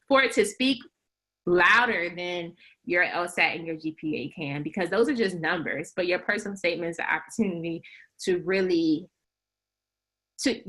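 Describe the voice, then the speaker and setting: A young woman with a clear, bright voice runs a coaching webinar for law school applicants. She talks in a loose, animated, chatty way, with plenty of "like" and quick laughs between phrases. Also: lowish voice. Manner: chatty, animated, heavy use of "like". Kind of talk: webinar presentation.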